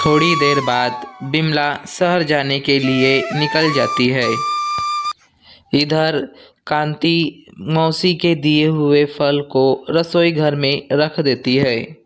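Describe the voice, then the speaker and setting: A man narrating a cartoon story in a measured, plain storytelling manner. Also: on the high side, a bit bright.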